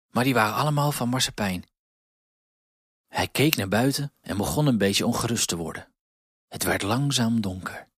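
A man narrating a children's storybook with expressive, clear delivery on a close mic. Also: mid-range voice, no room sound.

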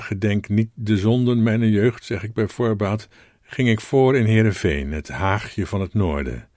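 A male pastor delivering a sermon, telling a personal story in a reflective, gently rhetorical way. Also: fairly low pitch, no room sound, clean studio sound.

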